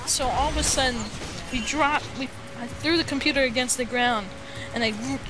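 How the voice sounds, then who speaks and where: With music playing underneath, a high-voiced woman makes up a story as she goes in a casual, noisy amateur voice chat. Her telling halts and rambles, and she performs the dialogue along the way.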